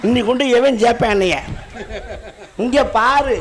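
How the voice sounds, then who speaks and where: A man's voice: extremely high pitch, moderate pace, a bit bright. A man doing improvised comic banter on a village drama stage, teasing and laughing, speaking into a stage mic. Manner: teasing, laughing, rhyming insults.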